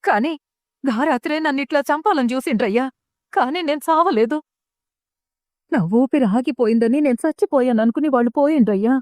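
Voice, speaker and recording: A woman's voice: high-pitched, a little fast, darkish tone, no echo, studio quality, close to an everyday voice. A woman voicing a worried village mother with a Telangana accent, pleading and urgent in a serial recap. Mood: earnest. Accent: Telangana Telugu.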